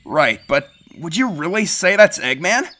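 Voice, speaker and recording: A man's voice: fairly high pitch, big pitch swings, a little slow, pushed and bright, full character voice. A man voicing a cocky, good-hearted young hedgehog hero in a cartoon fandub, casual, confident and breezy. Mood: skeptical. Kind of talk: cartoon comic fandub acting.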